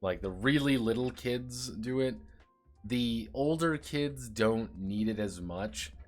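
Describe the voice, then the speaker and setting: A man's voice: medium pitch, takes it slowly, faint music behind. A man streaming and chatting casually, rambling, swearing and sardonic about his teaching job.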